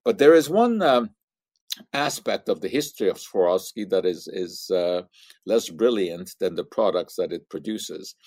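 An older man giving an educational science talk in an explaining manner, pausing on "uh" and repeating words. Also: deep voice, expressive, a little mellow, dry recording, studio quality. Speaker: science commentator. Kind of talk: educational monologue.

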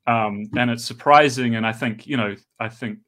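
A man's voice: mid-range voice, normal speed, a bit bright. A middle-aged man with a New Zealand accent, a guest scholar talking in a casual podcast conversation with frequent ums and restarts. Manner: hesitant, many ums and restarts.

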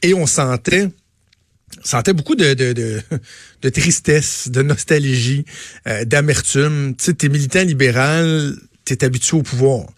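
A man's voice: medium pitch, measured pace, dry recording, studio quality. A man in his thirties with a Quebec French accent, hosting casual talk radio and often repeating words as he thinks. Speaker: radio host.

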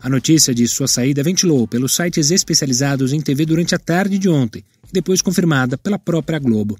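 A man presents entertainment headlines in a steady, measured read. His voice sits a little high and has a husky edge. The sound is dry and close. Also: dry recording. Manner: steady, measured news delivery. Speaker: news presenter. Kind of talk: read news bulletin.

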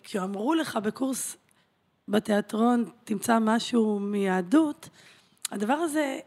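Curious woman interviewer, gravelly voice. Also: a little high, a little mellow. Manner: curious, probing questions. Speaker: podcast host and interviewer. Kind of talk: interview questions.

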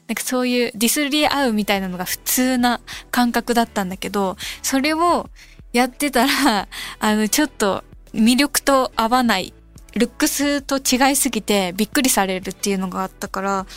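A young woman from Kansai hosts a radio programme, reading out listener letters and then thinking aloud in a loose, unhurried way. Her voice sits a little high. Faint music plays softly behind her. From Kansai, Japan. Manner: relaxed, musing, thinks aloud. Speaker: radio host. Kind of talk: casual radio talk reading listener mail. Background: soft background music.

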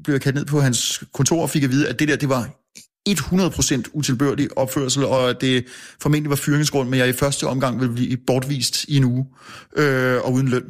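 A man's voice: mid-range voice, steady tone. A man who works as a newspaper editor, a guest telling a story in casual chat, full of restarts and fillers and chuckling at himself. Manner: halting, many restarts and fillers.

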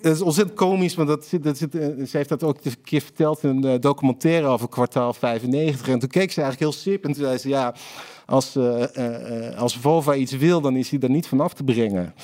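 A man's voice: medium pitch, a little fast, darkish tone. A man on a podcast telling an anecdote, hesitant and full of fillers. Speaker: podcast guest.

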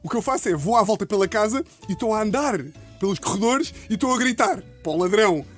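A man with a European Portuguese accent, telling a comic story as a podcast host, animated and laughing often. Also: quick pace, faint music behind. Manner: animated, laughs often, slips into high-pitched impressions. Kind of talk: comedic storytelling.

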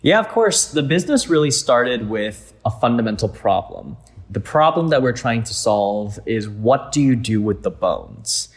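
A man's voice: mid-range voice, big pitch swings, moderate pace. A young man from Thailand, a museum founder, answering interview questions earnestly with frequent fillers.

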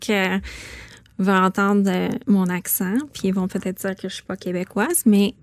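A woman's voice: mid-range voice, level tone, normal speed, no echo. A woman from Saskatchewan, a guest author in a radio interview, talking thoughtfully with many hesitations. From Saskatchewan, Canada.

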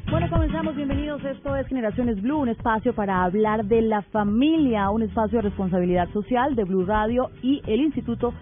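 A woman hosting a radio talk show, speaking in a measured, deliberate way and asking probing questions. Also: a little high. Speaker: radio host. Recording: narrow phone-like radio sound with faint music bed.

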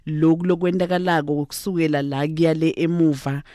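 A young South African man hosts talk radio in a conversational way. His voice sits slightly high for a man and sounds close and dry. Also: level tone, brisk, dark tone, no echo. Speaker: radio host.

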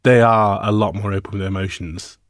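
A man's voice: fairly low pitch, brisk, dry recording, clean studio sound. A man in his fifties, a musician guest in an interview, talking reflectively and at length with fillers. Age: 50s. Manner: reflective, animated, rambling with fillers. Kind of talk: interview conversation.

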